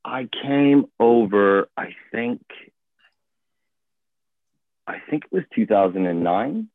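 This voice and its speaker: A man's voice: medium pitch, expressive, slow pace, no echo. A man in his twenties, born in Hong Kong, talking casually as a guest actor, hesitant and thoughtful with many fillers and restarts. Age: 20s. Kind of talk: casual conversation. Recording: tinny phone-like call audio.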